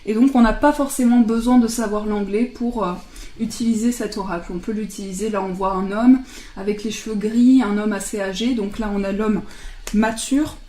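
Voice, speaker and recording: A woman casually presenting oracle card decks, chatting and laughing softly at herself as she translates card titles aloud. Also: medium pitch, steady tone, normal speed, roomy sound.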